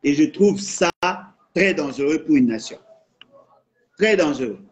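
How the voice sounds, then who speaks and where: A man's voice: on the high side, expressive, a little slow. A man from the Congo with a Congolese French accent, delivering an impassioned political monologue that repeats its points for emphasis. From Democratic Republic of the Congo. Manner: insistent, repeats points, mixes in Lingala phrases.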